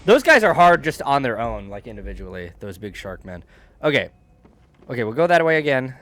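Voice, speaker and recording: A man's voice: mid-range voice, sing-song, fairly quick. Rambling casual man chatting over a game. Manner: rambling, restarts often, trails off quietly. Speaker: streamer guiding a co-op game. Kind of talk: casual chat.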